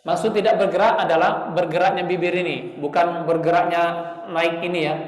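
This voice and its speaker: A man's voice: high-pitched, steady tone, brisk. A man with an Indonesian accent teaching Quran pronunciation in a prayer room, patiently demonstrating letter sounds over and over. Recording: echoey hall, mic at a distance.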